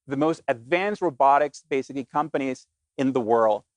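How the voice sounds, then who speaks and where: A middle-aged Colombian man delivers an earnest business keynote at a conference, with frequent restarts and filler words. His voice is mid-range and at normal speed, recorded with no echo.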